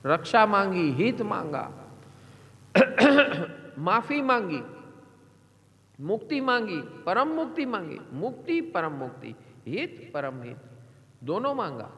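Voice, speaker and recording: A man's voice: sits high, very animated, slow, pauses often, fairly bright tone. A man giving a devotional sermon as a spiritual teacher, earnest and emphatic, repeating phrases and putting questions to his listeners. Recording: echoey hall reverb.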